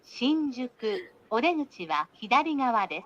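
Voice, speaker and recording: A woman giving a calm, formal recorded train announcement over an intercom. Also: on the high side, unhurried. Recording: dull lo-fi playback with faint noise.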